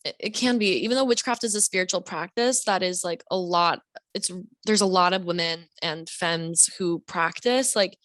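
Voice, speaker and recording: This young Deep South woman, a guest author on a casual podcast, has a fairly low, fairly bright voice and a moderate pace. She reflects at length with frequent fillers, recorded at studio quality with no room sound.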